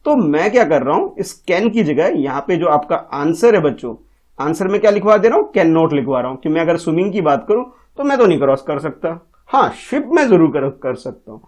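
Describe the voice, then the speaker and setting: A man's voice: a little high, big pitch swings, brisk, a little mellow. Male teacher for young children, patient, keeps checking they follow. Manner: patient, repeats "ठीक है?" often. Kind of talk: explaining an English textbook lesson to children.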